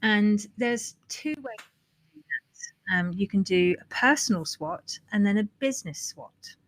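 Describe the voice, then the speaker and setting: A woman's voice: medium pitch, animated, a little slow, a bit bright. A woman co-hosting a marketing podcast in casual chat, giggly and explaining things in lists with many restarts and fillers. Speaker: podcast co-host.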